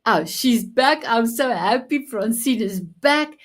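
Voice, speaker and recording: With lively intonation and a voice on the high side, a woman speaks slowly as host of a live-streamed motivational show. Afrikaans is her first language, and her style is upbeat, affirming, and full of endearments.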